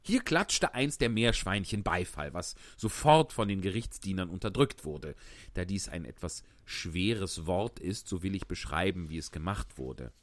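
A man narrating a storybook reading in a lively, expressive way. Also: sits low, a little slow, no room sound.

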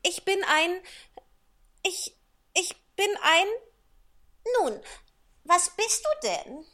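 A frantic mother pigeon in a storybook shrieks her complaints in a very high, shrill voice that swoops wildly up and down. She is fussy and endlessly scolding, as a man acts her out. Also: very animated, drawn-out words, bright, forceful tone, full character voice. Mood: scornful. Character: fretful shrill female pigeon guarding eggs.

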